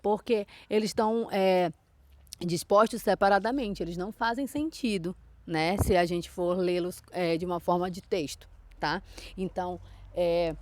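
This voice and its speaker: A woman's voice: lowish voice, moderate pace, no echo. Brazilian woman teacher, dry close sound. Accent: Brazilian Portuguese. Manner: explanatory, frequent "tá?" check-ins. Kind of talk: online grammar lesson.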